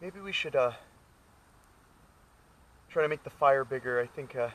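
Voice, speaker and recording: A man's voice: mid-range voice, a little slow, lightly acted. A man acting a cocky, easygoing outdoorsman in a found-footage film, with a wry, naturalistic delivery. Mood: worried. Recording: faintly noisy outdoor camera audio.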